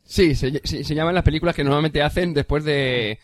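A man's voice: fairly high pitch, brisk, dry recording. A man co-hosting a casual film chat, teasing and throwing in joking questions. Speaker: podcast co-host.

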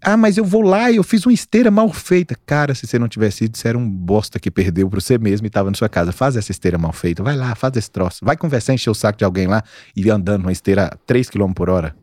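A man's voice: lowish voice, very fast, hardly any pauses, dry recording, clean studio sound. A man in his forties with a Brazilian Portuguese accent, a doctor chatting casually and telling stories with slangy emphasis. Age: 40s. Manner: animated storyteller, slangy and emphatic. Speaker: doctor guest. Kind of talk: casual podcast chat.

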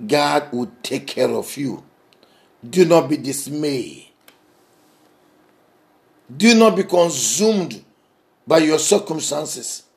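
Male preacher, kinda high voice, real slow deliberate sermon delivery, goes loud then soft. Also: lively intonation, gravelly. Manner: slow, emphatic, repetitive preaching cadence; swings from raised to soft, intimate delivery.

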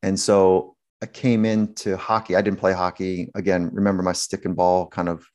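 A man's voice: low voice, normal speed. A man, a sports psychologist, telling a story in a casual interview, acting out quotes with lots of restarts. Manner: animated storyteller, acts out quotes, many restarts.

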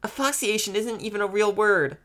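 A man's voice: high voice, animated, fairly quick, a bit bright, voice pushed up. A man voicing a bratty little girl, a younger sister who whines, pouts and teases, in an amateur audiobook reading. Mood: childish. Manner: whiny, pouting and teasing.

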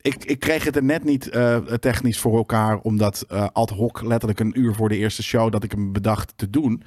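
A man's voice: lowish voice, steady tone, normal speed, a little mellow, no echo. Informal, swearing man, dry close sound. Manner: loose and informal, swears casually, restarts sentences often. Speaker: co-host of a gaming talk show. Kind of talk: casual chat.

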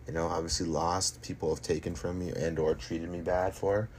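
A man with a very low voice talks himself up in a casual, cocky monologue, piling up repeated phrases for emphasis. His speech is slangy and boastful, with some noise behind him. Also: flat delivery, moderate pace. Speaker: fighter. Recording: noticeable background noise.

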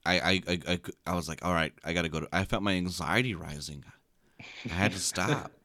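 This podcast co-host has a low-pitched, fairly quick voice with a bright, forceful tone. Sleepy after a short night, he rambles through casual chat, restarting often and repeating words. His podcast mic gives clean studio sound with no echo.

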